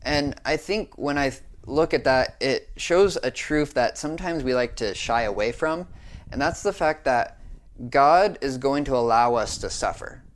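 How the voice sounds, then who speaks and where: This medium-pitched male voice is animated and moves at a normal speed. He's a young American delivering a short devotional message, earnest and chatty, often tossing in "right?" to check on his listeners.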